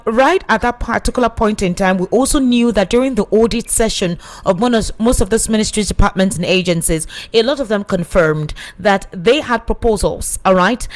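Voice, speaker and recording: A woman hosting a radio show, explaining political news in a measured way. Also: medium pitch. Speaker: radio host.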